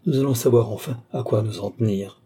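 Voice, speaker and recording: A frightened, indignant royal princess in an audiobook of a classic novel, as a male reader raises his voice for her. She exclaims anxiously, and the tone stays very dark and husky underneath. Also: lowish voice, brisk. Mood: alarmed.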